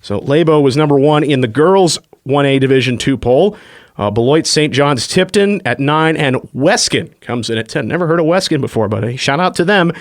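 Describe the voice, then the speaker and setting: A man with a slightly higher voice hosts a sports radio show from a studio microphone. He races through rankings and game times in a breezy, rapid way, sprinkling in uh's as he goes. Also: lively intonation.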